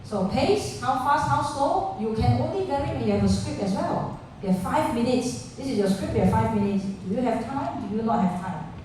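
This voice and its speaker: A woman running a pitching workshop, talking live to founders and asking the audience questions, dropping local particles like lah. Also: animated, moderate pace, dark tone. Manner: interactive, asks the audience questions. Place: large indoor room with an audience. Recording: echoey room picked up from far off, faint noise.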